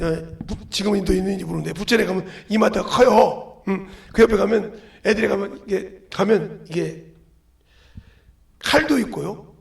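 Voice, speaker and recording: A man preaching a sermon with shouted peaks and sudden hushed drops, acting out a crying child and God's voice. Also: high voice, gravelly. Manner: acts out a crying child and God's voice in quoted asides. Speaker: pastor. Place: church sanctuary. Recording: echoey church livestream.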